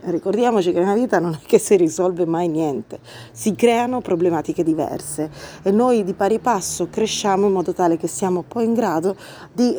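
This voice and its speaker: A woman hosts a podcast and talks through the ideas in a book. She sounds earnest and reflective and thinks aloud as she goes. Her voice sits a little low, with a warm, mellow tone. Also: a little hiss or hum. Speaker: podcast host. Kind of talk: explanatory monologue about a book.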